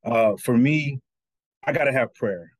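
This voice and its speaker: A man's voice: mid-range voice, measured pace, dry recording. A man speaking as a talk-show guest, earnest, often repeating himself as he searches for words. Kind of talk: casual talk-show chat.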